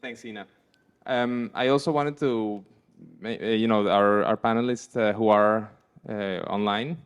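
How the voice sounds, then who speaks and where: A man moderating a conference panel, soft-spoken and hesitant, with many fillers. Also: lowish voice, steady tone, unhurried, clean tone.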